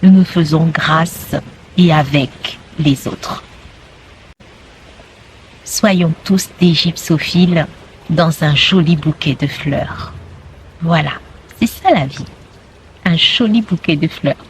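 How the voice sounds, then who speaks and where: A woman talks to her viewers in a slow, unhurried way, letting her words stretch out. Her voice sits a little low and stays soft and reflective, sometimes dropping almost to a whisper. A faint hum of ambient noise lies behind her. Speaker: vlogger on plants and flowers. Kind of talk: casual talk to camera.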